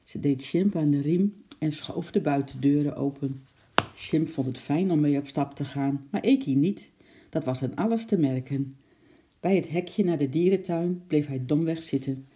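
A woman reading a children's book aloud in a gentle storytelling manner. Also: sits low. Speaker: narrator.

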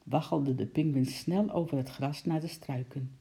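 A woman reads a children's story aloud in a low, very dark and mellow voice. Her reading is gentle and expressive, with small slips she corrects. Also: moderate pace, gravelly, slight background noise. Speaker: narrator.

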